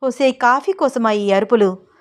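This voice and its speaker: A woman's voice: fairly high pitch, normal speed, voice pushed up, close to an everyday voice. Woman voicing a middle-aged mother, homely, fussing, fondly scolding, storybook.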